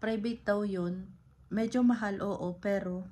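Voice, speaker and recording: A woman's voice: mid-range voice, steady tone, slow pace, mellow. A woman from the Philippines chatting casually in a vlog, rambling with lots of fillers. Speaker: vlogger.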